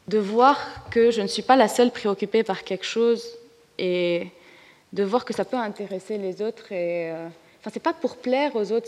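A woman with a Lebanese French accent talks candidly and with lively ease on a panel. Her voice sits at a middle pitch. The hall gives it a long reverb. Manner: candid, lively, laughs easily, mixes in English words. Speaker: comics artist on a panel. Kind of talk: panel discussion.

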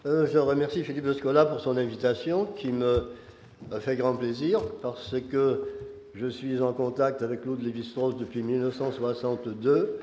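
An older man with a Quebec French accent gives an academic lecture, his voice hoarse and nasal from a cold, halting as he searches for phrasing. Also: medium pitch, steady tone, mellow, slight background noise. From Quebec, Canada. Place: large reverberant lecture hall. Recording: muffled, very reverberant lecture hall.

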